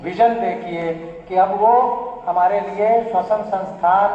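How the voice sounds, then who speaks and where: A man's voice: high voice, fairly even intonation, unhurried, lo-fi sound. A man giving a formal ceremonial speech at a university event, in an oratorical manner. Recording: echoey hall with faint crowd.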